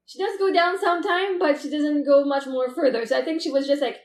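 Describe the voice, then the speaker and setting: A playful woman with a Québécois accent hosts a casual live chat, laughing easily as she talks. Her voice sits high and bright in pitch. The recording has a roomy echo around it. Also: moderate pace. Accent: Québécois French. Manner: chatty and playful, laughs often. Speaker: livestream host chatting with viewers.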